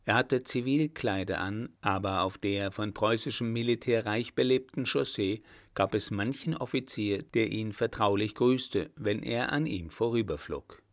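A man reading a historical novel aloud as narrator, in a measured, even storytelling manner. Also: lowish voice, no echo, clean studio sound. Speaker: audiobook narrator. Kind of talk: scripted narration.

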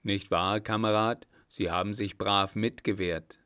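A man's voice: on the low side, fairly even intonation, measured pace, pushed and bright, smooth, no echo, studio quality. A man reading a chatty, friendly servant. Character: cheerful, resourceful servant befriending a coachman.

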